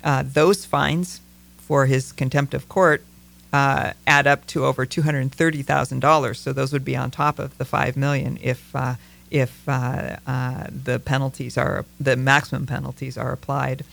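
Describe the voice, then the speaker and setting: A man's voice: medium pitch, level tone, normal speed, gravelly, fairly bright tone. A man co-hosting a casual political talk show, speaking thoughtfully with many fillers and restarts.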